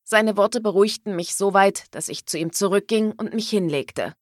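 A woman narrating a novel in the first person, with a measured, even storytelling delivery on a close studio mic. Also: medium pitch, dry recording. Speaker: audiobook narrator.

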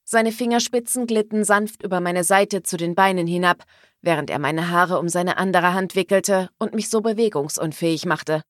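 Low-voiced woman narrating an audiobook. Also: moderate pace, dry recording, studio quality. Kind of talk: first-person novel narration.

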